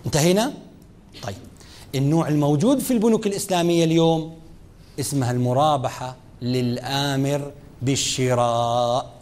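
Rapid, lively lecturer, a man. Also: fairly high pitch. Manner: lively teaching, speaking straight to students, mixing formal and dialect Arabic. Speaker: lecturer on Islamic finance. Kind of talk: classroom lecture.

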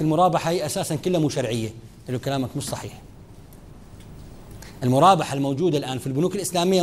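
Rapid, lively lecturer, a man. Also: fairly high pitch. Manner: lively teaching, speaking straight to students, mixing formal and dialect Arabic. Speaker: lecturer on Islamic finance. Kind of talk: classroom lecture.

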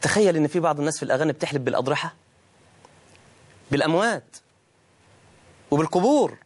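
A middle-aged man with an Egyptian accent preaching a sermon, emphatic, slowing and rising when he quotes scripture and arguing both sides of a dialogue. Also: on the high side, animated. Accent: Egyptian Arabic.

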